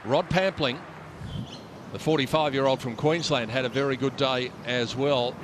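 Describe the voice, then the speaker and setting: A man working as a golf commentator, narrating tournament highlights. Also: steady tone, moderate pace. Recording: crowd and outdoor noise behind. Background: loud golf crowd and outdoor ambience.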